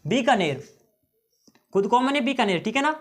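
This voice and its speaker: A man's voice: extremely high pitch, expressive, normal speed, a bit bright. A male teacher giving an exam-prep lesson on memory tricks, often checking in with his students and repeating key phrases.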